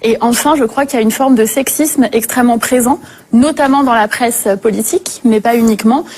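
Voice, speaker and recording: A woman's voice: on the high side, brisk, darkish tone. Composed woman guest on a TV talk show. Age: 30s. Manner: composed, articulate, frequent "euh" fillers. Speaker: guest, politician. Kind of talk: studio talk show interview. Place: TV studio.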